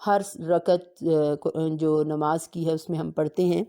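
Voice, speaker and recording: A woman giving a religious lesson on reciting the Quran, explaining steadily and reciting Arabic verses slowly. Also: low voice, level tone, dark tone. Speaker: Quran teacher.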